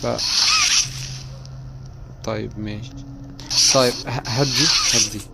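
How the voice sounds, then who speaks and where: A young man with an Egyptian accent joking and swearing through a horror game, shouting when scared. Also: lowish voice, steady tone, a little slow, very noisy. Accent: Egyptian Arabic. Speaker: gaming YouTuber. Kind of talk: let's play commentary. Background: loud game music.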